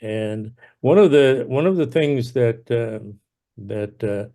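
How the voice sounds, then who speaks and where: Older Irish-born man, interviewee, easygoing and halting delivery. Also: mid-range voice, animated, mellow. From Ireland. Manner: unhurried, many fillers and restarts, chuckles often. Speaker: interviewee, veteran. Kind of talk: casual oral history interview.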